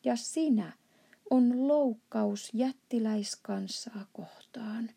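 A woman voicing a brutish male giant who eats children, loud, gloating and hurling insults in a storybook reading. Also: mid-range voice, gravelly, husky. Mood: gloating, insulting.

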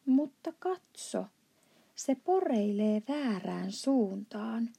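A woman's voice: a little high, gravelly, dark tone, husky. Sophie, as a woman reads her, polite and curious. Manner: polite and questioning. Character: polite, curious little orphan girl.

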